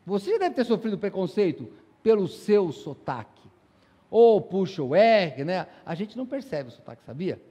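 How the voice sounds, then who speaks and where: A man's voice: sits high, big pitch swings, brisk, warm tone, husky. A male pastor preaching a sermon in a church, firing rhetorical questions at the congregation. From São Paulo, Brazil. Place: church sanctuary. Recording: long church-hall reverb.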